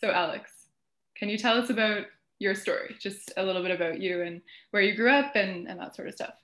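A woman hosting a podcast, asking relaxed, friendly questions in casual chat. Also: medium pitch, fairly quick. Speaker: podcast host. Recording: echoey room.

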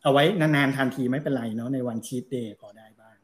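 Man explaining health advice in a relaxed way. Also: medium pitch, a little fast. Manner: relaxed, explanatory, often ends phrases with polite particles. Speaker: doctor, guest expert. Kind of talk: casual podcast explanation.

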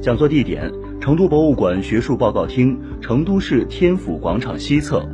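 Male announcer reading event info, lively, music under. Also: mid-range voice, moderate pace. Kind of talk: scripted lecture announcement.

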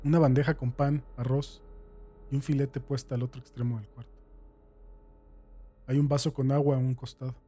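A man's voice: medium pitch, level tone, normal speed, long pauses. A man reading a first-person horror story aloud as a dramatic scripted narration. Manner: dramatic reading that swings from hushed to shouted.

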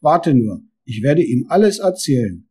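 Man doing a strict mother beetle, scolding, husky warm voice, storybook. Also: medium pitch, sing-song, normal speed. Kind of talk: storybook reading.

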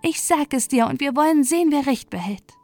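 A woman's voice: high voice, fairly quick, dry recording, soft background music, voice pushed up. A woman voicing an eager, fussy little queen wren bird in a storybook, fretting and scolding. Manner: fretful, excited, scolding. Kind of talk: storybook character voice.

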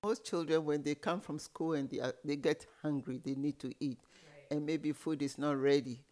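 A man with a fairly high-pitched voice tells stories from his childhood. He explains things in an animated way and drops in many small asides as he goes. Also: moderate pace. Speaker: guest. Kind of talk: storytelling in an interview.

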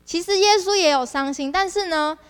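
A woman's voice: extremely high pitch, moderate pace, in a large hall. A young woman preaching at a youth service, constantly throwing questions to her listeners. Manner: asks the audience frequent rhetorical questions, animated. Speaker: district leader preaching.

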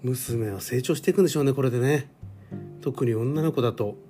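Rambling forties man, mellow voice. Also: medium pitch, fairly quick, faint music behind. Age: 40s. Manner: rambling and self-deprecating, many fillers. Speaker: podcast host. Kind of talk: casual solo podcast monologue. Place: home.

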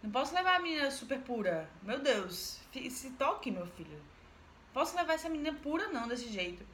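A woman's voice: high-pitched, sing-song, a bit bright. A woman voicing a menacing male devil who rattles off threats in a folk tale. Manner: blustering, rapid threats. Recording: roomy echo, faint background noise.

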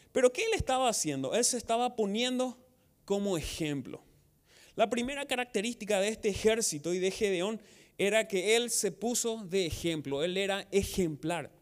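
A man's voice: sits high, animated, moderate pace. A man with a Paraguayan Spanish accent preaching a sermon as pastor, asking the congregation rhetorical questions and acting out quotes. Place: outdoor church service.

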